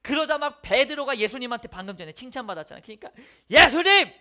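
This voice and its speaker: Pastor, male, bright voice, lively sermon delivery, swings from loud to whispered lines. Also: extremely high pitch, very fast.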